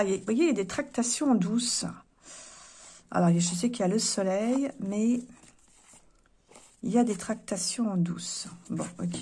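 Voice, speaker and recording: A woman's voice: mid-range voice, mellow, a little hiss or hum. A woman giving a chatty, opinionated tarot reading to her viewers, thinking aloud as she goes. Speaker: tarot reader.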